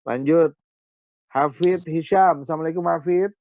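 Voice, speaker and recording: Male teacher, online class roll call, smooth resonant voice, dry dull video call sound. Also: on the high side, normal speed, darkish tone, dry recording. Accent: Indonesian. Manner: joking, teasing banter with students.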